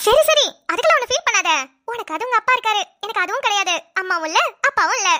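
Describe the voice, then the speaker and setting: A woman's voice: extremely high pitch, animated, quick pace, pushed and bright, exaggerated voice. Woman voicing chatty young village girl Ponni.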